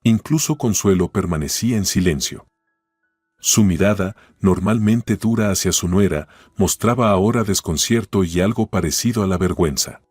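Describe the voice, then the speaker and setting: A man narrating a dramatic story in a calm, even storytelling manner, in a scripted voice-over. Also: sits low, normal speed, breathy edge, dry recording. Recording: dry close voice-over with faint music.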